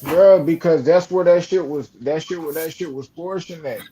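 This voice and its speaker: A man's voice: a little high, normal speed, dark tone. A man in heated casual sports banter, combative, slangy and heavily profane, recorded on dull lo-fi audio.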